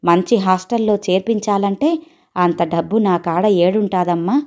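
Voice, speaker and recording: A woman's voice: medium pitch, moderate pace, dark tone, close to an everyday voice. Woman voicing a fierce poor village mother. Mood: pleading. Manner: rough village speech, threatening then pleading.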